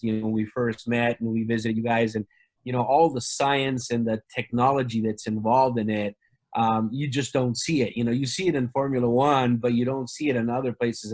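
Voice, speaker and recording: A man from Argentina, a company representative, talking casually in an interview with many fillers and restarts. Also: mid-range voice.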